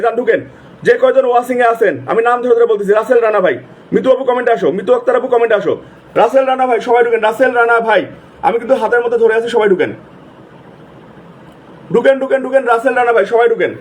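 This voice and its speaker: A live stream host shouts out viewers' names in rapid succession, his voice strikingly high. He repeats each urgent plea again and again, and his throat has gone sore from calling without a break.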